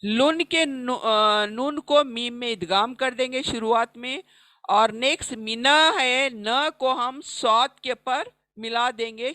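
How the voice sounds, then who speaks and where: A woman teaching recitation in an online class, explaining each rule and then reciting the example slowly. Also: on the high side, sharp tone, no room sound. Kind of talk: recorded online lesson.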